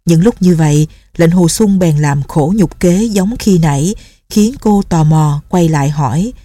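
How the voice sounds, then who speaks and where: A woman narrating a martial arts novel in a steady, measured storytelling manner. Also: fairly low pitch, no room sound. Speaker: audiobook narrator. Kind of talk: scripted narration.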